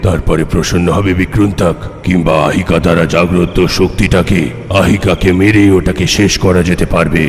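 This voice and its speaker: In a dramatic dubbed cartoon, a man voices a grave, all-knowing underworld guardian, giving solemn, foreboding warnings and instruction. His voice is low, fairly quick, and steady in tone, close to an everyday voice. Long hall reverb and faint noise color the recording.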